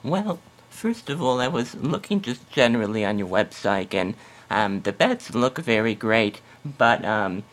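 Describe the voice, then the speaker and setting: A man's voice: fairly low pitch, lively intonation, measured pace, a bit bright. A man voicing a chatty, skeptical female customer on a prank phone call, hesitant and exclamatory. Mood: hesitant, polite. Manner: hesitant, exclamatory, calls the listener honey.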